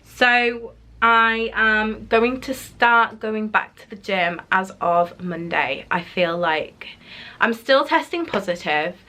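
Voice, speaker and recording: Her medium-pitched voice is pushed and bright, and she takes her time. In a home office, she casually vlogs her weekly weigh-in, sounding a little nasal as she gets over an illness, chatting and rambling with many ums and restarts.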